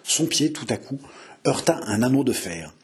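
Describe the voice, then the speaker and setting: Very husky male audiobook narrator. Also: medium pitch, big pitch swings, normal speed. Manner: dramatic, builds intensity. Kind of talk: scripted dramatic narration.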